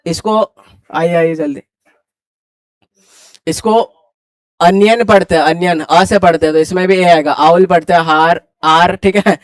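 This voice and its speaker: Brisk high-voiced male classroom teacher. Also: fairly even intonation, dry recording. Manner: brisk, quizzing students and urging them to hurry. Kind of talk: classroom grammar lecture.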